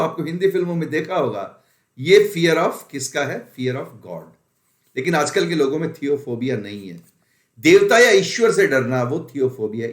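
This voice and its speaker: A male teacher giving a lively, theatrical online vocabulary lesson, mixing English words into his speech. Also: on the high side, roomy sound. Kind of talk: online exam-prep lesson.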